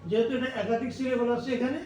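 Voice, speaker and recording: A man with a Bangladeshi accent teaches English grammar in a slow, drawn-out way, repeating each phrase as he writes it out. His voice sits high. It is recorded from a distance in a very echoey room with faint background noise. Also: fairly even intonation, dark tone, lo-fi sound. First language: Bengali. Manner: slow and repetitive, spelling out each word as he writes, mixing Bengali and English. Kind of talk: slow classroom explanation while writing on a board.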